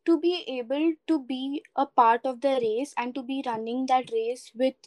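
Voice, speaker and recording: A woman's voice: sits high, fairly even intonation, normal speed, a little mellow, dry recording. A woman with an Indian accent chatting casually and reflectively in an earnest, encouraging way, slipping between English and Hindi. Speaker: podcast co-host.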